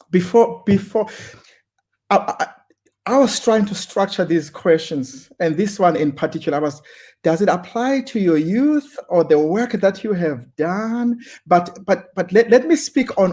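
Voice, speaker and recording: Halting male host, higher-pitched. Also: a little mellow. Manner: halting, stammering, many fillers. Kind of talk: interview conversation.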